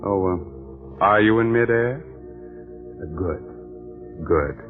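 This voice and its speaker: A man playing a sly, teasing mystery host on 1940s radio, speaking in a deliberate, mock-soothing way. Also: lowish voice. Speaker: mystery show host and sponsor announcer. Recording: muffled 1940s radio broadcast, music behind.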